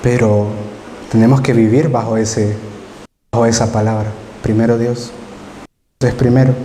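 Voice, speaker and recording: Warm Salvadoran preacher in an echoing hall. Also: male voice, medium pitch. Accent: Salvadoran Spanish. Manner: emotional storytelling, acts out his own past pleas. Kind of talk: sermon. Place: church hall. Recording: roomy hall reverb, faint background noise.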